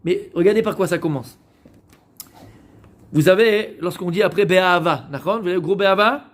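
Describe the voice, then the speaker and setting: A man's voice: high-pitched, moderate pace. A rabbi teaching a Torah class to women. He asks the class questions, answers them himself, and repeats words while he searches for the next one.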